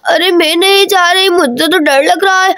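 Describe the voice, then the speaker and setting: A woman's voice: very high voice, normal speed, fairly bright tone, no echo. Woman playing a frightened little girl. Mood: scared. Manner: frightened, insistent, childlike. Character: scared little village girl who saw a witch. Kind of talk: kids' doll-play storytelling.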